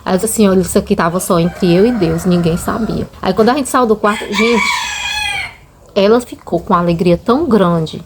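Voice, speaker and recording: There's a noisy background as this woman talks a bit quickly at medium pitch. She's a Brazilian mom and channel host with a Brazilian Portuguese accent, telling her religious testimony in a relaxed story style, earnest and emotional, with "gente" coming up often.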